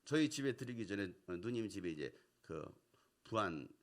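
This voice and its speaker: A man's voice: fairly low pitch, very animated, normal speed. A middle-aged male pastor preaching a sermon, telling a personal story and acting out the voices of his family.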